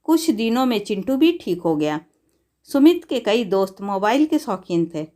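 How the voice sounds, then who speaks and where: A woman narrating a scripted moral story in a measured, even storybook reading. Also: mid-range voice.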